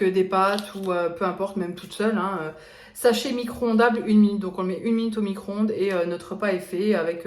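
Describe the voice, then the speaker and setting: A young woman talks casually through her shopping haul, chatty and rambling, with plenty of hesitations. Her voice sits at an ordinary middle pitch. The room around her is noticeably echoey. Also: darkish tone. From eastern France. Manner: chatty, rambling with many fillers. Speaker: vlogger. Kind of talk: casual grocery haul vlog.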